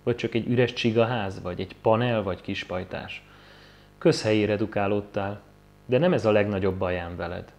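A man's voice: on the low side, darkish tone, dull audio, lightly acted. A man voicing a crude, mocking drunk in a wine bar in an audiobook, taunting and swearing at his companion. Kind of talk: audiobook character voice.

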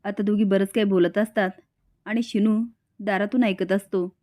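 A woman's voice: mid-range voice, steady tone, normal speed, dark tone. A woman retelling a TV serial episode in story form, voicing each character herself. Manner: voices every character herself in turn. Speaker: serial recap narrator.

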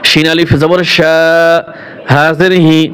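A man teaching Quran reading, spelling out letters and vowel marks, then slowly drawing out each whole word. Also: a little high, level tone, a bit bright, slight background noise. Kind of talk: spelling-out recitation lesson.

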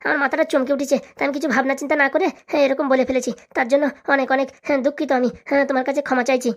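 A woman's voice: high-pitched, level tone, racing. A woman voicing an apologetic, stingy young husband in a cartoon, pleading and coaxing. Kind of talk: cartoon voice acting.

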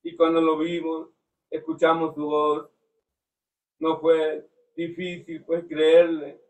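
A man's voice: a little high, monotone, darkish tone, recorded from a distance, muffled recording, slight background noise. A man giving a fervent devotional testimony, often breaking in with praise to the Lord. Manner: fervent, slow, frequent "Señor" interjections. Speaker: church member giving testimony.

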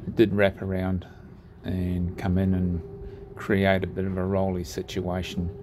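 Man, sailing vlog voice-over, low voice, unhurried, lots of ums. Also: noisy background. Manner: slow, relaxed, with frequent ums and pauses. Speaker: sailing vlogger narrating drone footage. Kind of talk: unscripted voice-over narration.

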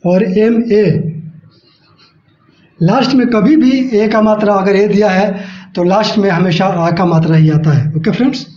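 A man teaching an English lesson step by step. He speaks slowly, repeats every step and explains aloud as he writes. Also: sits high, darkish tone. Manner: slow, repeats each step, explains aloud while writing. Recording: echoey room, dull lo-fi sound.

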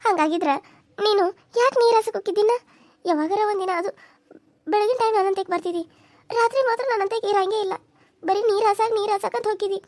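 A woman's voice: extremely high pitch, fast talker, long pauses, darkish tone, no echo. A woman voicing a hurt, suspicious young village wife in a cartoon serial, with a North Karnataka Kannada accent, tearful and accusing.

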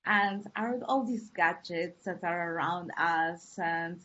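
A woman's voice: fairly low pitch, fairly bright tone, slight background noise. Woman from Peru lecturing over a call. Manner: friendly, unhurried, pauses with fillers. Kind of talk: online lecture. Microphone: computer mic on a video call. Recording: muffled lo-fi call audio.

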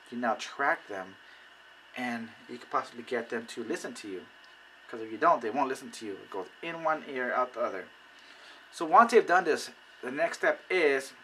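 A man giving casual how-to advice on recruiting people, animated and acting out conversations. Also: medium pitch, moderate pace, slight background noise, low-quality recording. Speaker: network marketing recruiter. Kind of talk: casual how-to video talk.

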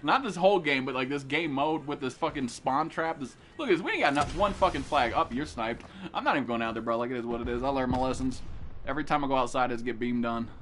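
A young man streaming a shooter game, cursing constantly, yelling and complaining in loose casual commentary. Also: medium pitch, fast, slight background noise. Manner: excitable, swears constantly, yells and complains.

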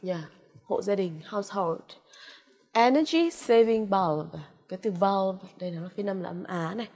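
A woman's voice: mid-range voice, a little mellow. Vietnamese woman teacher drilling English words. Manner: slow, drawn-out repetition of English words; frequent "ok" and "à" fillers, coaxing "đúng không ạ?". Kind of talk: vocabulary lesson with pronunciation drills.

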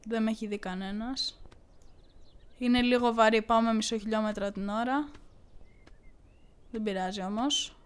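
A woman gaming YouTuber doing let's play commentary, with excitable shouted reactions and playful taunts. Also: a little high, long pauses, clear, resonant tone.

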